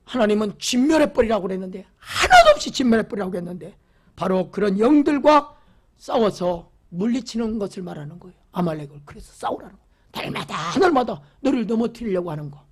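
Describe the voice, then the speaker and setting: Husky-voiced pastor preaching fervently. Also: mid-range voice, animated, moderate pace, pauses often. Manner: fervent preaching, swinging from loud exclamations to hushed whispers; repeats phrases for emphasis, asks the congregation rhetorical questions. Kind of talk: Wednesday church sermon.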